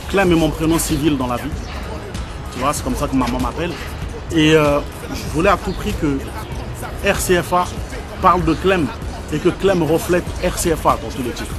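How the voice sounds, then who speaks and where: A man's voice: on the high side, moderate pace, pauses often, over music, a crowd in the background. A man in his late twenties with a Congolese French accent, a rapper talking casually and boastfully about his album, often repeating words as he gets going. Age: 20s. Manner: boastful, conversational, repeats words when excited. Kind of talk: casual promotional interview.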